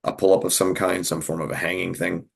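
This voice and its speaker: Podcast co-host, male, deep and gravelly, husky, chatty and self-mocking. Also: little pitch movement, fast talker. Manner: thinks aloud, jokes and laughs at himself. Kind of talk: casual fitness podcast chat.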